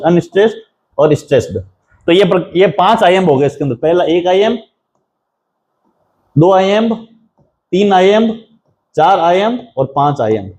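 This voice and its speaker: A man delivers a patient classroom-style lecture. His voice sits high for a man, and he repeats key terms and counts out the stresses one by one. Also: a little mellow. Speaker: assistant professor teaching English poetry. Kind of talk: lecture explaining a poem.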